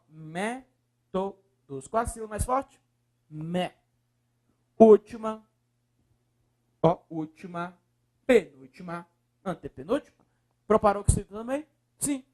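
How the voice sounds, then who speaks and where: A man with a Brazilian Portuguese accent teaching a video lesson, coaxing students and repeating words slowly syllable by syllable. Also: high-pitched.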